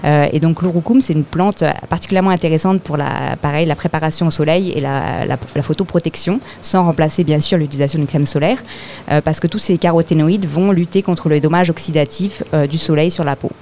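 A woman's voice: low-pitched, fairly quick, warm tone, a little hiss or hum. A woman explaining a supplement at a live talk, technical and hesitant, with many fillers. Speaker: product expert guest.

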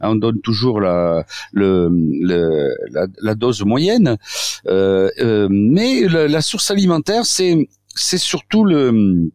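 A man's voice: lowish voice, big pitch swings, a little mellow, dry recording, studio quality. A man with a southwestern French accent, a doctor speaking as a guest in a radio interview, who often restarts while searching for his words. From southwest France. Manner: halting, many false starts while searching for words.

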